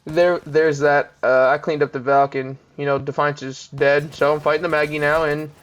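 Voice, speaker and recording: Laid-back young man, slightly high voice. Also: flat delivery, normal speed, fairly bright tone. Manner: laid-back, chuckles often, self-deprecating. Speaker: gaming commentator. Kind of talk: casual gameplay commentary. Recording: dull lo-fi mic.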